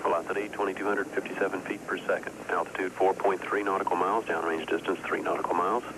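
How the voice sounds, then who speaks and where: Deep-voiced man on static-filled mission radio. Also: quick pace. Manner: flat, clipped status calls. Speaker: launch commentator. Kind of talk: mission control launch commentary. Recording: hissy archival launch broadcast.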